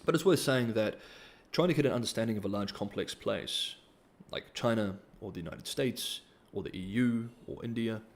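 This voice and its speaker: A New Zealand man with a lowish voice, speaking at normal speed, reads donor comments while hosting a casual livestream Q&A. His delivery is hesitant, peppered with ums and restarts.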